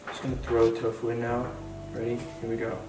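Talking fast in a monotone, mid-range voice, a young man cooks indoors at home and keeps up a casual running commentary, mocking his own cooking as he thinks aloud. The kitchen sounds echoey, with frying, a sizzling pan, and music behind him, all captured by a camera mic at a distance.

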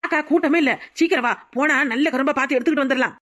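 A woman's voice: sits high, very fast, fairly bright tone. A woman voicing a pushy young village neighbor in a cartoon, nagging and urging, with a Tirunelveli Tamil accent. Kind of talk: cartoon voice acting.

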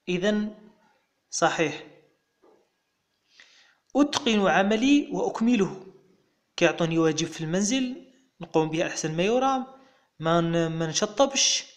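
Moroccan guy teacher, pretty high voice, goes over a kids' exam slowly and patiently. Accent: Moroccan Arabic. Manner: patient, explains step by step. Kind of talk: exam walkthrough for young pupils.

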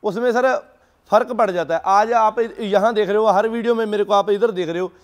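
A high-voiced man sells cattle at a dairy farm, talking a little fast as he pitches his stock informally. "Sir" comes up again and again as he addresses the listener.

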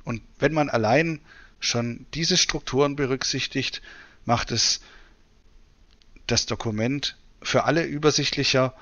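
A man presenting a software demonstration in tutorial narration. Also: medium pitch. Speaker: presenter demonstrating screen reader.

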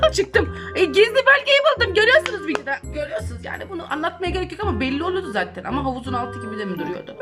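A high-voiced woman chats casually as a gaming host, giggling often between remarks. Her tone is light and talkative. Background music plays steadily underneath her. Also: bright, forceful tone. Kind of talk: casual gameplay tour commentary.

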